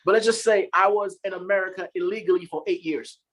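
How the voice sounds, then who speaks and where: Fast and high-pitched, this man's voice holds a steady, fairly bright tone over a slight hiss or hum. He's a Haitian Marine staff sergeant in his thirties, guesting on a podcast and talking casually, earnestly and cheerfully while laughing easily.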